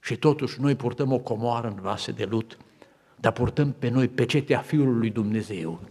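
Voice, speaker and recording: Speaking in a medium-pitched, slightly mellow voice, a man from Romania delivers a sermon in a large church hall. He tells stories and acts out quotes before rising to fervent appeals to the congregation. The recording carries the hall's reverberation.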